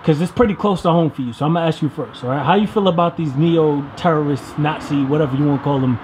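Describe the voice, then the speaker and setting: A man's voice: a little high, fast. A man asking pointed questions as the interviewer in a casual podcast chat. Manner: probing, asks pointed questions. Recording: dull, noisy off-screen audio.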